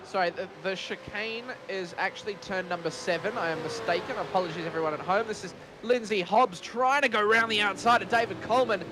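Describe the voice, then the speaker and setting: High-pitched male motorsport commentator over engine noise. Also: fairly quick, few pauses. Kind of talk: sim racing play-by-play commentary. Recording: constant car engine noise. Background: race cars and engine noise.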